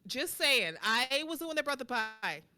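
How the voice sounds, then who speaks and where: A woman chatting casually with teammates as she plays a horror game, jumpy and playfully taunting, with excitable exclamations. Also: high voice, normal speed. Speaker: gamer streaming a multiplayer horror game. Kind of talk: casual gameplay chat with teammates. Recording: loud background noise.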